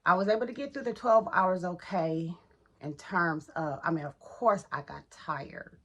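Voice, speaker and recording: A woman's voice: on the low side, normal speed, husky. A middle-aged woman vlogging casually while getting ready, chatty and talking to viewers as y'all, in a groggy morning voice. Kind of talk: casual get-ready-with-me vlog.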